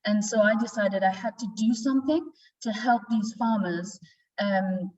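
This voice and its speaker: Unhurried and a little mellow, this mid-range voice belongs to a woman in her forties from northern England with a Northern English accent. As guest presenter at a virtual tasting, the wine exporter shares her story informally from an office tasting room indoors, seated away from the video-call mic, which leaves the sound distant, dull and lo-fi.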